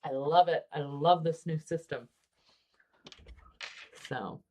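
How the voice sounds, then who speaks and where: A woman hosting a casual livestream about miniature painting, relaxed and chatty with frequent ums. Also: deep voice, slow pace, slight background noise.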